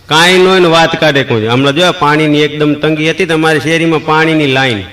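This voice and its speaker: A man with a Kathiyawadi Gujarati accent and a slightly high, somewhat bright voice rattles off folksy comic stories at a fast clip. This stand-up comedian acts out his characters' lines, sings bits of procession songs, and laughs at his own punchlines.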